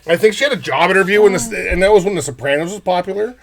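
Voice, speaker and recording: A man's voice: high-pitched, racing, gravelly, crowd noise. A man co-hosting a podcast in casual chat over drinks, telling stories with lots of swearing. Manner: profane, animated storyteller. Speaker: podcast co-host.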